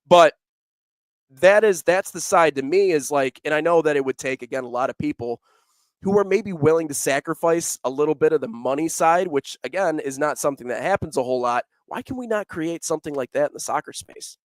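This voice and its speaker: This podcast host speaks briskly in a fairly high, expressive male voice, with no room sound at all. Reading out listener comments on his sports show, he wanders a little, chatting casually with plenty of fillers and false starts.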